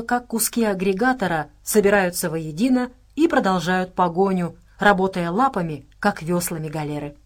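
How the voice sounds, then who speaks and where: This is scripted audiobook narration by a woman whose voice sits at medium pitch; her reading is steady and measured throughout.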